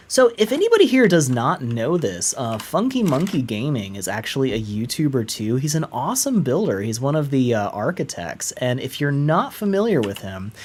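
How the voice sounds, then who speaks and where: A man live-streaming a game, chatting casually and upbeat, rambling with fillers and soft laughs. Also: on the high side, slight background noise. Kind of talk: casual live-stream chat while playing.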